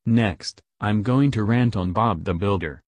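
A man's voice: on the low side, unhurried, no echo. Blunt man reading a rant. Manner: blunt, flat listing of insults. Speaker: ranter.

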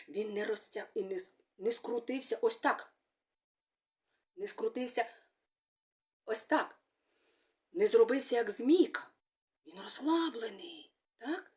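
A woman speech therapist giving a gentle, sing-song speech lesson to young children, using fond little words for them. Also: mid-range voice.

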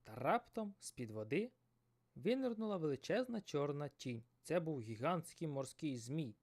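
A man narrating a fairy tale in an expressive, dramatic storybook style. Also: on the high side, moderate pace.

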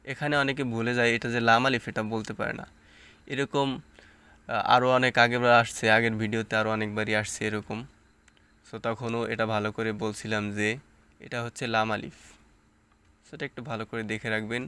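A man's voice: on the low side, flat delivery, a little fast, long pauses, bright, forceful tone, smooth. A man with a Bangladeshi Bengali accent teaching Quran reading, spelling out each letter and vowel sign aloud and then explaining common pronunciation mistakes. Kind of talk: slow spelled-out recitation lesson.

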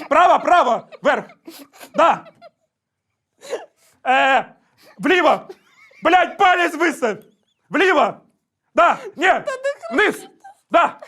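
A young man steers a teammate through a party game with strings of repeated one-word directions, swearing and laughing as he goes. His voice sits high and bright, with a slow, drawn-out pace. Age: young adult. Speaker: game show contestant.

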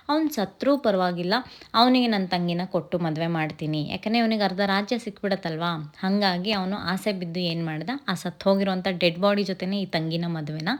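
A woman vlogger, telling a story casually to her viewers and often checking in with them. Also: lowish voice. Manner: chatty, keeps checking in with listeners.

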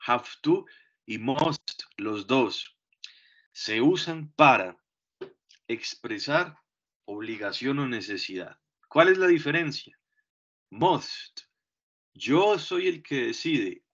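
A man teaching English grammar, explaining slowly and deliberately and checking in with short questions. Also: medium pitch, animated, fairly bright tone, slightly rough. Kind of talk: bilingual grammar lesson. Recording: dull lo-fi recording.

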